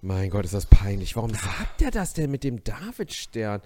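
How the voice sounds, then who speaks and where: Male comedy podcast co-host, lively swinging pitch, casual eager chat. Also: moderate pace, a little hiss or hum. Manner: animated, eager reactions.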